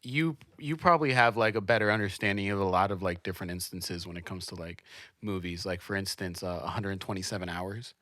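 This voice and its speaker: A man's voice: deep voice, a little fast, bright, forceful tone, no room sound, clean studio sound. A young man hosting a podcast in casual chat, playful and teasing, often laughing. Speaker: podcast host.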